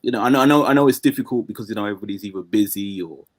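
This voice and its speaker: A man's voice: lowish voice, rapid-fire, no echo. A man speaking as a guest in a casual conversation, with many fillers and restarts.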